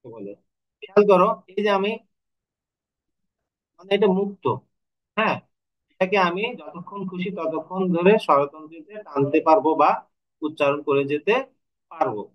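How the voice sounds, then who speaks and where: A male tutor with a Bangladeshi Bengali accent teaches an online class, his voice sitting a little high. He asks questions and answers them himself, drawing syllables out slowly to show them. The recording sounds muffled and lo-fi. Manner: explains step by step, asks rhetorical questions; stretches syllables slowly to demonstrate. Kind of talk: online lecture.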